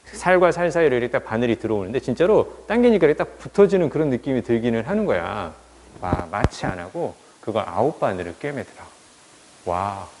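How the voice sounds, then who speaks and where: A man's voice: mid-range voice, big-room sound, a little hiss or hum. A male teacher telling a childhood story in a lecture, acting out the people he quotes. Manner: animated, acts out quoted voices. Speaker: English teacher.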